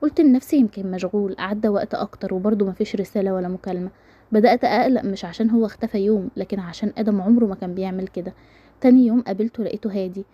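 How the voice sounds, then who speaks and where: A woman with an Egyptian accent reading a romance story aloud in a brisk, steady first-person narration. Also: mid-range voice, muffled recording. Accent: Egyptian Arabic.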